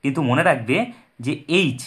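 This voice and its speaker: A man's voice: medium pitch, fairly quick, a bit bright, breathy edge. A man teaching an English pronunciation lesson, patient and repetitive, asking questions and answering them himself. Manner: patient, repeats points and asks then answers his own questions. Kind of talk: explaining a lesson. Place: indoors at a desk with paper and pen.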